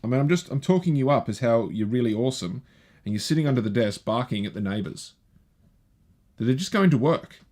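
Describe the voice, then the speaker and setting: A man's voice: medium pitch, lively intonation, a little fast, darkish tone. A man hosting a live show in casual chat, with a rambling, chatty, self-deprecating delivery. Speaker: host.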